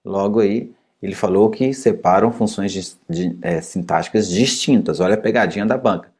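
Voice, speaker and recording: Husky, low-voiced Brazilian male teacher explaining an exam trap. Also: moderate pace, darkish tone.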